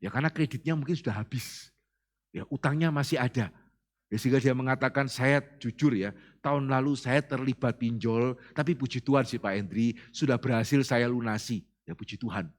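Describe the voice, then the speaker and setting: A man's voice: mid-range voice, brisk. A man preaching a sermon as pastor, often asking his congregation questions.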